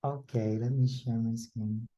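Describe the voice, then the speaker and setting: Over a video call with the highs cut off, an educator from Vietnam whose first language is Vietnamese presents his fellowship. He sounds nervous, phrasing things haltingly as a non-native speaker, in a warm, medium-pitched, fairly even voice.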